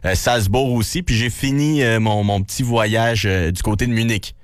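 Radio news reporter: young man, Québécois accent, deep bass voice, casual delivery, dry close sound. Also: normal speed, clear, resonant tone, no echo.

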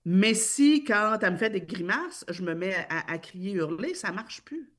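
A woman's voice: medium pitch, big pitch swings, a little slow. A woman with a Québécois accent explaining her views on parenting in a casual discussion, emphatic, with many fillers and restarts. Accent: Québécois French. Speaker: parenting speaker.

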